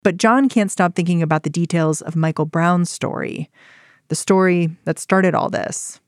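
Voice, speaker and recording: A woman hosting a narrative podcast, telling the story in a measured way and asking probing questions. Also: fairly low pitch, no echo. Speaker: podcast host. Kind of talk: scripted narration and interview. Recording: dry studio sound with music.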